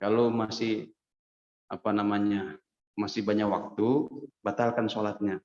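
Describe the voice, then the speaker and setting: A man preacher giving a casual, lively hadith lesson in a mosque, often turning to his listeners and acting out quotes. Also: fairly low pitch, unhurried. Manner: lively, addresses listeners as Pak, acts out quotes. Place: mosque hall. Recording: echoey dull mosque recording.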